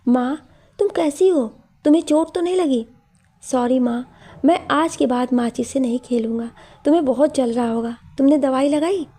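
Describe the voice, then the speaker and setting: Woman narrator doing a scared little boy, pleading, high breathy voice. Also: normal speed, warm tone. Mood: anxious. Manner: pleading, tearful. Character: frightened young boy haunted by dreams.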